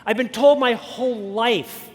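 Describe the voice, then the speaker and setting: Speaking at a measured pace in a very high-pitched voice, a stuttering keynote speaker in his fifties recounts his life story with self-deprecating humor at a motivational conference. The large hall stage gives the recording a long reverb.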